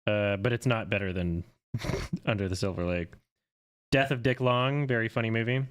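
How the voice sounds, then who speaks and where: A man's voice: on the low side, clear, resonant tone. A man in his thirties from Canada, a film critic chatting casually on a live stream with a sarcastic, joking manner. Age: 30s. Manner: sarcastic, quick to joke.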